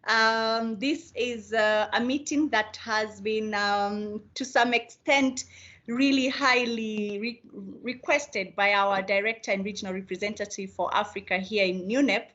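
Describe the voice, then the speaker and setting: A woman's voice: mid-range voice, steady tone, a little slow, fairly bright tone. A woman hosting a video meeting, polite and hesitant, with frequent fillers. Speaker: meeting host. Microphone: video call. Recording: slightly dull video-call audio.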